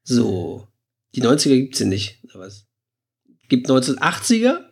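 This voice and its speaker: A man's voice: mid-range voice, wildly swooping pitch, normal speed, creaky, breathy edge. A man co-hosting a podcast in casual conversation. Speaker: podcast co-host. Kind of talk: casual chat.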